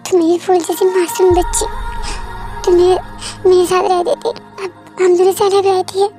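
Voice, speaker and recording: A woman's voice: extremely high pitch, flat delivery, moderate pace, warm tone, faint music behind. A woman voicing a doting, emotional middle-aged father who frets over his daughter in an amateur fan audio drama. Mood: fretful. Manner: fretful, emotional.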